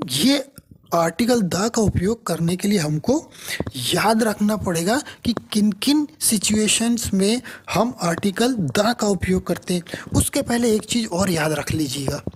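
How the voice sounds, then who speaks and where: A man's voice: high-pitched, expressive, measured pace, noisy background. A male English grammar teacher giving an explanatory lesson, repeating each point and restating terms in two languages, with frequent checking questions.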